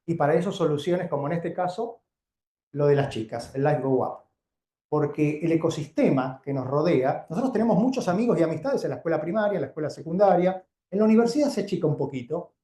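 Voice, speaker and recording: An Argentine doctor gives a keynote as an informal public lecture to a live audience in an indoor venue, explaining things conversationally and didactically and often asking check-in questions. His mellow voice sits on the high side, expressive and a little fast. The recording is roomy, with clear live-lecture echo.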